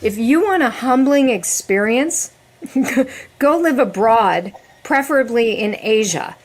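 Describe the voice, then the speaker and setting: Middle-aged woman, guest on a casual podcast, lively and chatty, slightly higher voice. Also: takes it slowly. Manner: animated, laughs often, restarts sentences.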